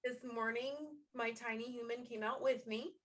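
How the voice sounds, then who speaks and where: A woman hosting a casual chat with friends, telling animated stories about her family and acting out her child's voice. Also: fairly high pitch, moderate pace. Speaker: podcast host. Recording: quiet, distant mic.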